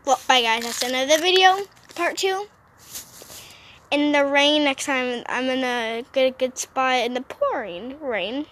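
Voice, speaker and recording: A woman's voice: high voice, unhurried, a bit bright, a little hiss or hum. A woman giving casual, playful commentary to her viewers while playing a mobile game, sitting outdoors on a roof. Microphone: phone.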